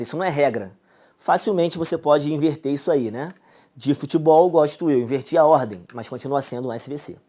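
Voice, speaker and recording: A man's voice: a little high, a little mellow. Young Brazilian man, easygoing teacher voice, keeps checking in with students. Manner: casual, chummy, asks "beleza?" often. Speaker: Portuguese teacher. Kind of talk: live online grammar lesson.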